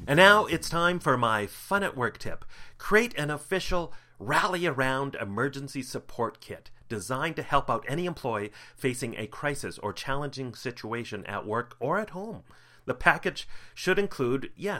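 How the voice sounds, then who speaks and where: A male podcast host with a bright, forward tone. He reads his script with playful energy and gives each new segment a punchy lift. His pitch sits right in the middle for a man. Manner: upbeat, playful delivery with punchy segment intros.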